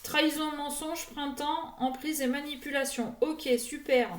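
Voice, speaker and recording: Slow, hesitant woman card reader. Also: high voice, fairly even intonation, reverberant, a little hiss or hum. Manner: hesitant, full of "euh" fillers and restarts. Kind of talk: casual card reading addressed to viewers.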